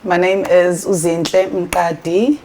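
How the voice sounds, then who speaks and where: Woman, South African accent, CEO, measured, low pitch, mellow. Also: level tone, slight background noise. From Durban, South Africa. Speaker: company CEO.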